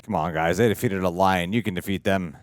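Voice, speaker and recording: A man's voice: sits low, a little fast, very noisy. A man hosting a reaction video, talking casually with dry, wry asides. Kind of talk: casual commentary and sponsor read.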